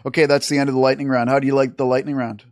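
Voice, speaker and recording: A man hosting an interview, asking quick questions and answering with upbeat praise. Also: mid-range voice, little pitch movement, darkish tone, no echo, clean studio sound. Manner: upbeat, affirming. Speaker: interview host.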